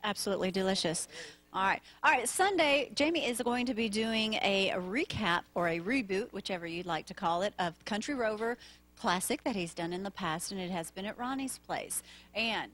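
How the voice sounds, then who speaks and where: A woman's voice: mid-range voice, normal speed, fairly bright tone. Upbeat woman co-host chatting w a guest about food. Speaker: morning show co-host. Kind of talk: casual chat.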